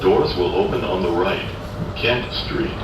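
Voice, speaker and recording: Over the speakers inside a subway train, a transit announcer with a low-pitched, unhurried voice reads automated station announcements in short, formal, clipped set phrases. The recording of the car is echoey and noisy.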